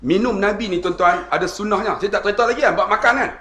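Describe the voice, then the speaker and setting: Animated high-voiced Malaysian preacher in an echoey hall. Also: male voice, quick pace. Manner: animated, addresses the audience as tuan-tuan, acts out voices. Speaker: Islamic preacher. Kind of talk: humorous sermon.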